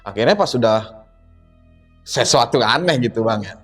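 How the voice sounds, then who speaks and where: A man, a guest recounting a spooky road trip in a lively, dramatic way, acting out the voices of people in his story. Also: mid-range voice, normal speed, slightly rough, soft background music. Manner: lively, dramatic retelling with acted quotes. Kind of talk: telling a horror experience in a podcast.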